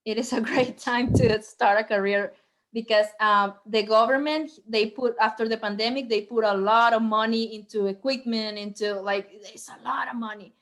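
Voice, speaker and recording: A woman's voice: on the high side, steady tone, moderate pace, fairly bright tone. Woman on a video call cutting out. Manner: hesitant, with frequent fillers. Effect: audio cutting out on a breaking video call connection. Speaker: guest speaker. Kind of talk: video call talk on health careers.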